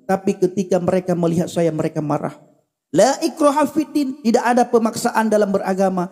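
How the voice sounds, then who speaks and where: High-voiced impassioned male preacher. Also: brisk, a little mellow, long reverb tail. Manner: emphatic, repetitive preaching cadence addressing the audience directly. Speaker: evangelist livestream host.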